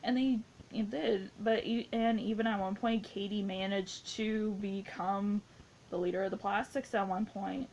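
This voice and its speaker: A woman's voice: mid-range voice, steady tone, unhurried, darkish tone, a little hiss or hum. A woman in her twenties giving a casual spoken movie review, rambling and gushing with many fillers. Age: 20s. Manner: rambling, gushing, heavy use of "like".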